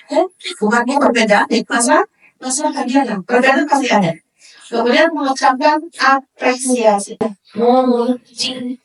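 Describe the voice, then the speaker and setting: A woman gives a lively talk on marriage to a live audience. She keeps slipping into high, dramatic voices to act out wives and husbands. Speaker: speaker at a religious study session. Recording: echoey hall, voice from far off.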